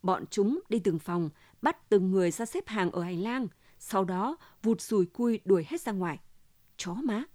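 A woman reading a story aloud in a steady, measured way. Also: medium pitch, dry recording, studio quality. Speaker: audiobook reader. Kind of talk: storytelling narration.

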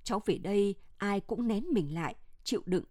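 A woman reads a family story aloud in a steady, even way. Her voice sits at a middle pitch and sounds dry and close, with no room echo. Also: normal speed.

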